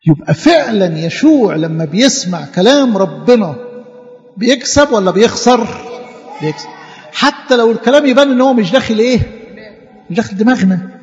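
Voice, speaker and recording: A man's voice: high-pitched, darkish tone. A man with an Egyptian accent telling a Bible story to children. He keeps asking questions and leaves blanks for the children to fill. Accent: Egyptian Arabic. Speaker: Sunday school teacher. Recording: echoey hall, dull lo-fi sound.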